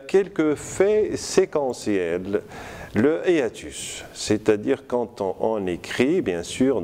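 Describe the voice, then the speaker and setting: A man giving a university lecture, slow and deliberate, with many hesitations. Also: on the low side, a little mellow.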